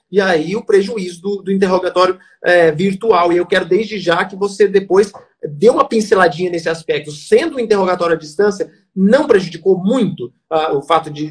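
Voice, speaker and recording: A man with a noticeably high voice shares legal experience on a podcast. He speaks earnestly and reflectively, pausing to find his words. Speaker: criminal defense lawyer, podcast co-host. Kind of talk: casual podcast discussion.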